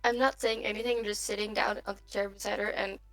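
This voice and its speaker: A woman's voice: mid-range voice, little pitch movement, fast talker, fairly bright tone, soft background music. A woman playing a tabletop game, describing her character's actions with amusement. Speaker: player.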